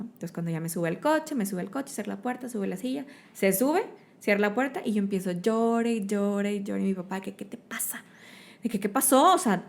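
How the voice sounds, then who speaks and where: A woman with a Mexican Spanish accent talks as an interview guest, and her voice has a gravelly, creaky edge at mid pitch. She speaks expressively, with plenty of fillers and tag questions. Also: darkish tone. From Monterrey, Mexico. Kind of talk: conversational interview storytelling.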